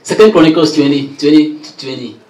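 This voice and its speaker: A man reading a Bible passage aloud in a steady voice for a church congregation. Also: fairly high pitch, a little fast. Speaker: congregation member reading scripture. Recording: echoey hall, mic far off.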